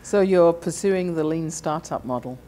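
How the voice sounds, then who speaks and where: A woman interviewing a student, asking questions in a friendly, halting way with many fillers. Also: deep voice, dark tone, slight background noise.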